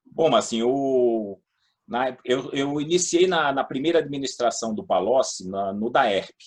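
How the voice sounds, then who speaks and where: Speaking at a measured pace, an older or middle-aged man with a São Paulo state Brazilian accent tells casual anecdotes as a guest in an interview. He once served as a public housing and utilities official, and his medium-pitched voice has a slight roughness.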